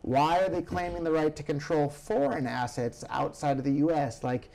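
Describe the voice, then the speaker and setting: A man hosting a casual news chat show who talks in an animated, opinionated way and slips into rants. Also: a little high, moderate pace, gravelly. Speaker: show host.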